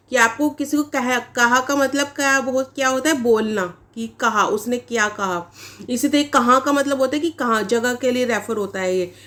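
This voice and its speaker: A woman teacher giving an exam-prep lecture, explaining points step by step and asking rhetorical questions as she goes. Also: high voice. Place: online class recording.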